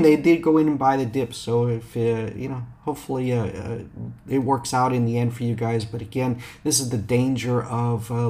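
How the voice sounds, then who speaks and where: Male stock video host, mid-pitched, casual commentary, brash slangy trader manner, halting and filler-heavy. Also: darkish tone. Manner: brash slangy trader talk, addressing viewers as guys.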